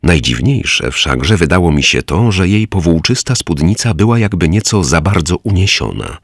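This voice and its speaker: A man reads a novel aloud in measured, descriptive narration. His voice sits extremely low and is gravelly and husky, yet his pitch moves a lot. The recording is dry and close. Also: lively intonation, no echo. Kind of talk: scripted audiobook narration.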